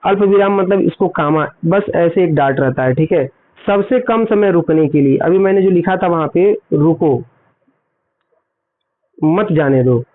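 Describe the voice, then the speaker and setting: High-voiced man teaching grammar, tinny. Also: moderate pace. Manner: explanatory, repeats points and asks then answers quiz questions. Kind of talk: exam-prep grammar lesson. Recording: tinny phone-like audio.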